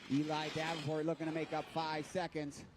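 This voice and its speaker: A man's voice: fairly high pitch, completely flat delivery, fairly quick. A man announcing a ski race live as a race caller, giving out names, courses and margins. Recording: clear background noise, outdoor event ambience.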